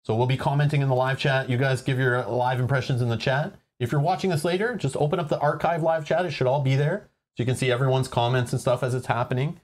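A man's voice: medium pitch, fast talker, hardly any pauses. Casual man chatting on a livestream. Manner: informal and conversational. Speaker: livestream host.

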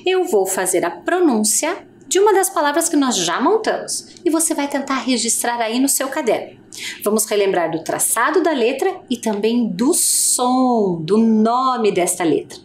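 A woman's voice: on the high side, expressive, normal speed, a little hiss or hum. A woman teacher giving an adult literacy lesson, speaking patiently and stretching out each vowel sound.

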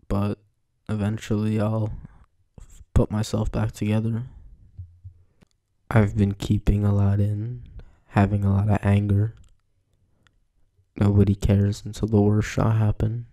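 A despairing, withdrawn young man, as a man acts it out, his dark, gravelly voice barely moving in pitch. He confesses slowly and haltingly, pausing to sigh. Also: monotone. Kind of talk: film monologue.

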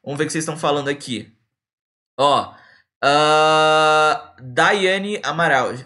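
A man's voice: fairly high pitch, expressive, moderate pace, pushed and bright. A young man from Brazil, teaching a casual live online English lesson and mixing in English examples.

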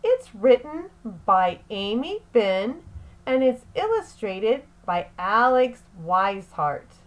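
Reading to small kids, this woman teacher moves deliberately through each phrase, like an expressive picture-book lesson. She sits on the high side, and the sound is lo-fi.

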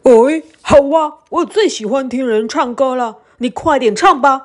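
A woman voicing a big, simple-minded male ox in a storybook reading, eager and loud. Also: high-pitched, measured pace.

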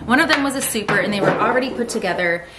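A woman's voice: mid-range voice, lively intonation, racing. Chatty woman vlogging in a noisy barn. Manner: chatty, self-deprecating, explains while working. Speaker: homesteading vlogger. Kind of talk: casual how-to chat. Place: large barn indoors. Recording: loud background noise.

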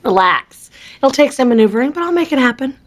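A woman's voice: high voice, animated, fairly quick, slight background noise. Swaggering woman exec, dry and confident. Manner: wry, self-assured, sly humor. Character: brash confident woman executive, sly and swaggering. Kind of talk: TV drama acting. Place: indoor home dining room.

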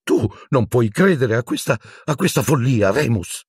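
A man voicing a cowering, rat-like wizard with a shrill, squeaky voice who pleads and stammers breathlessly. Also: expressive, normal speed, slightly rough, no echo, clean studio sound. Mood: pleading.

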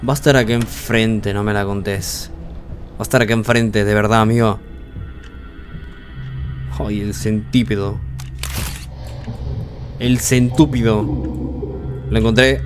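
A young man giving horror gameplay commentary, yelping and shouting in panic, then muttering to himself. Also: lowish voice, steady tone, a little slow, pauses often, music in the background. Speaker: gameplay streamer.

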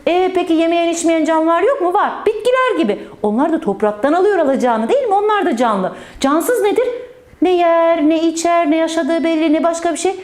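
A woman's voice: very high voice, brisk, few pauses, a little mellow, echoey room. A woman teaching children in a playful storytelling way, joking with the pupils and stressing words in a sing-song manner. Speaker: primary school teacher.

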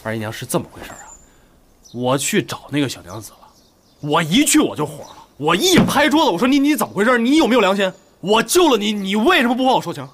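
A woman's voice: low-pitched, wildly swooping pitch, a little fast, breathy edge, heavily acted. A flustered, stammering young woman. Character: excitable, slow-witted young woman of the household. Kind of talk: Chinese period TV drama, dubbed dialogue.

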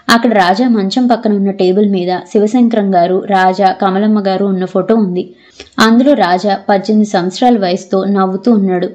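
A woman narrating an audio novel in a steady storytelling manner. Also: mid-range voice. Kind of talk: scripted narration. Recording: slightly dull audio.

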